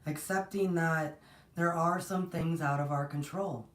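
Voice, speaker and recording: This woman's low-sitting voice stays fairly even and unhurried, though strained and partly lost, as she hosts a spiritual livestream. Warm greetings to viewers punctuate her rambling and frequent restarts. The distant, improper mic setup puts her far off in an echoey room.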